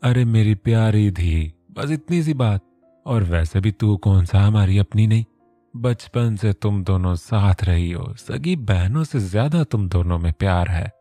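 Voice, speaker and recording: A man's voice: fairly low pitch, lively intonation, unhurried, mellow, no room sound, faint music behind. A man voicing a scolding but affectionate middle-aged mother in a storybook reading.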